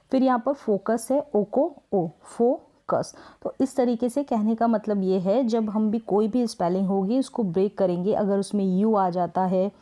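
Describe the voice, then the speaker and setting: A woman's voice: medium pitch, mellow, lo-fi sound. A woman teaching English spelling rules, patiently repeating points and asking herself questions before answering them. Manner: patient, repetitive, asks and answers own questions; drawn-out word sounding. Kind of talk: Hindi-language spelling lesson.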